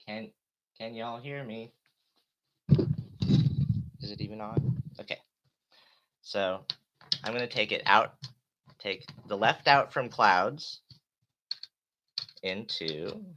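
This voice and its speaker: A man giving a rambling, hesitant live tutorial, often trailing off and interrupting himself, with a light low-pass filter on his voice. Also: slow, long pauses, bright, forceful tone, slight background noise, poor audio. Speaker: live streamer and synth tutor.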